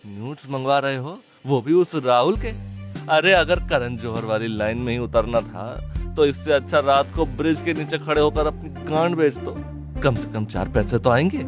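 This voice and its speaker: A man voicing a crude, excitable young man who swears freely in an audio drama. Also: mid-range voice, moderate pace, over music, lightly acted. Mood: excited. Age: young adult.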